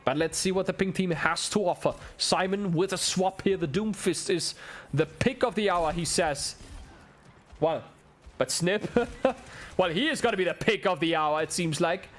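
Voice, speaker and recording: A young man whose first language is German, speaking with a German accent, casts an esports match solo with play-by-play commentary. His high-pitched voice moves at normal speed, getting excitable and building up as the action ramps up. He chats with viewers along the way.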